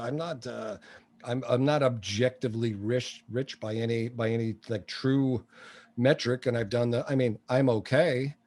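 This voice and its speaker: Being interviewed casually, a guest coach and entrepreneur in his sixties trades in blunt talk and humorous anecdotes. His voice is medium in pitch and a little mellow.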